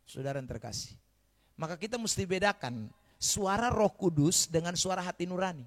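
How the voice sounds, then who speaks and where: A man preaching a sermon as pastor, calling out to the congregation often and swinging from quiet asides to loud emphasis. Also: sits high, expressive, normal speed.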